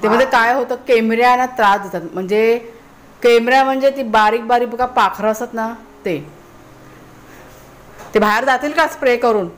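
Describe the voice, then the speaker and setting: A woman's voice: a little high, moderate pace. A woman from Konkan, Maharashtra, chatting casually as she explains her cooking to viewers in a home vlog. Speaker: vlogger. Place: village home kitchen.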